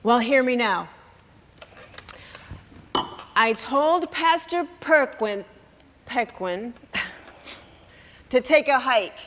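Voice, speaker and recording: A woman's voice: a little high, animated, very slow, pauses often, a bit bright, big-room sound, slight background noise, full character voice. A woman playing a tipsy grown daughter who is blunt, sardonic and cold toward her mother in a stage play. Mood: bitter. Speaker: actor.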